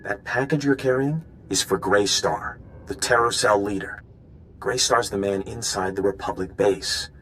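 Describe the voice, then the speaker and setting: This is video game dialogue in which an actor plays a male undercover informant, earnest and scheming, delivering lines with urgent, conspiratorial plotting. The pitch is fairly low, the speed normal, and the tone fairly bright and close to an everyday voice, though the audio is poor with slight background noise.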